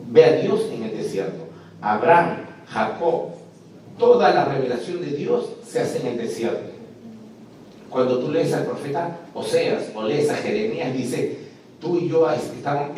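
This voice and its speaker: A man's voice: a little high, darkish tone. A man teaching a class on biblical texts, speaking emphatically and putting rhetorical questions to the students. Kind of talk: classroom lecture. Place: lecture hall. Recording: echoey room, distant mic, faint noise.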